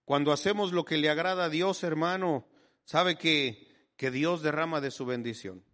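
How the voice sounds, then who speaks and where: Fervent preacher in an echoey hall. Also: male voice, a little high, normal speed, fairly bright tone. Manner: fervent preaching, addressing listeners as brother constantly. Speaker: pastor. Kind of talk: sermon.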